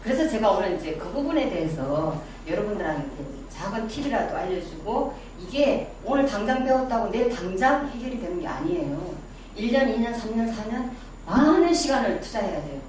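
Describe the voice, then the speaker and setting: Speaking in Daegu Gyeongsang dialect, a middle-aged woman leads a casual class on personal image before a small audience, posing quiz questions and adding self-deprecating asides. Her mid-range voice is expressive, a little fast and darkish in tone. The recording is very echoey, from a distant mic, with background noise.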